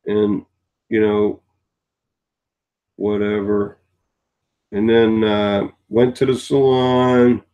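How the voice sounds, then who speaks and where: A man's voice: fairly low pitch, level tone, very slow, pauses often, mellow, clean tone, highs cut off. A man in his sixties, tired, chatting in a meandering, rambling way in a casual vlog. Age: 60s. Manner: meandering, chatty storytelling with many fillers. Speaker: vlogger.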